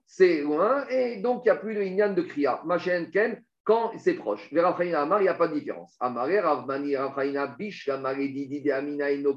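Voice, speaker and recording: Man, higher voice, Talmud class, reads passages then explains, dull echoey recording. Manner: reads Aramaic passages then explains in French, asks and answers questions. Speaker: Talmud teacher.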